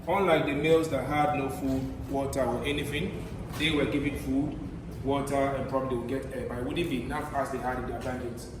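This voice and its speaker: A man working as a tour guide, explaining a historic site as he leads visitors through it. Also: medium pitch. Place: inside stone castle cells and passages. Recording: echoey stone chambers, distant mic, clear background noise.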